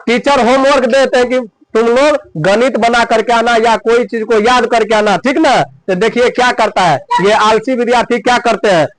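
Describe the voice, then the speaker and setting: A man's voice: very high-pitched, fairly even intonation, moderate pace, few pauses, low-quality recording. A man telling and explaining a textbook story, asking and answering his own questions again and again.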